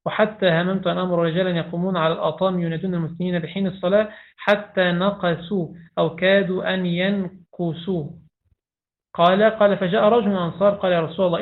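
A man reading hadith texts aloud, reciting chains of narrators quickly with small slips and restarts. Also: high-pitched. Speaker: hadith reader. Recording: tinny phone-like sound.

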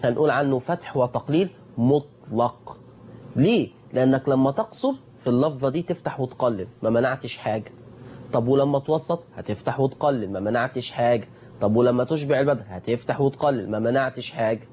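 A man with an Egyptian Arabic accent leads a Quran recitation lesson. He keeps asking his class questions and answering them himself, and he repeats each rule. His voice is mellow and dark, and the recording is dull with a faint hiss. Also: mid-range voice, fairly quick. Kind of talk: tajweed lesson.

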